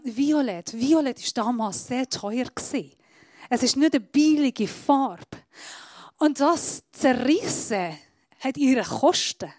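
A woman preaches to her congregation in German, her grammar loose as she explains things she holds up. Her voice sits a little high. The sound is dry and close, with no room echo. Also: darkish tone. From Iran. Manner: non-native German with grammar slips, explaining with props. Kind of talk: sermon.

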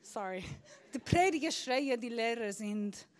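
Predigerin, die schreit und flüstert. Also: female voice, fairly high pitch, animated, unhurried. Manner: swings between loud shouting and hushed whispers. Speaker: preacher. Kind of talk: sermon.

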